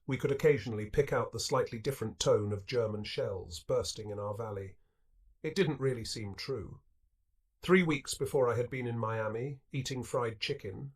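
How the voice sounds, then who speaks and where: A man reading a wartime memoir aloud as an audiobook narrator, in a steady, measured way. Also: mid-range voice, husky. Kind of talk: scripted narration.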